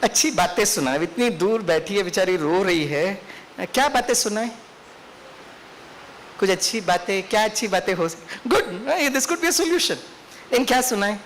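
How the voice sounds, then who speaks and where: A man's voice: high-pitched, animated, a little slow, fairly bright tone. A man with an Indian accent giving a lecture to teachers in training, telling a story and putting questions to his audience. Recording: faint hiss.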